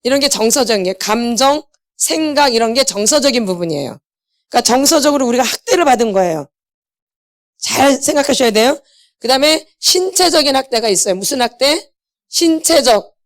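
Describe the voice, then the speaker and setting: A high-pitched, animated middle-aged woman, a pastor's wife, talks briskly through a healing lecture in a church hall, captured in clean studio sound with no room tone. She keeps quizzing her listeners and repeating the main words back to them.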